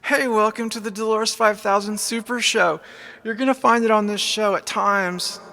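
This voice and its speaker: A man's voice: high-pitched, steady tone, moderate pace, creaky, over music. Joking man drenched in echo-chamber reverb. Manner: joking, rambling, swears casually. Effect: heavy echo-chamber reverb on the voice. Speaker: host of a mock home show. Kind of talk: rambling mock talk show.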